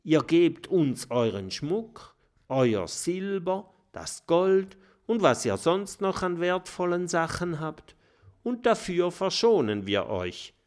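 A man voicing a blustering male Viking chief who bellows gruff orders in a storybook reading. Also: a little high, very animated, slow pace, pitched above the performer's own voice. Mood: scheming. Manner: shouting, gruff, bossy.

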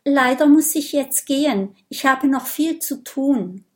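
A woman voicing a shy, gentle male skunk in a children's audiobook. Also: high-pitched, lively intonation, a little slow, pitched above the performer's own voice.

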